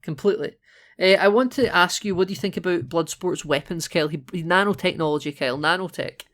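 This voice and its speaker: A Scottish-accented man co-hosts a casual film-review podcast, chatty and playful with frequent restarts. His voice is high, a bit bright, and quick.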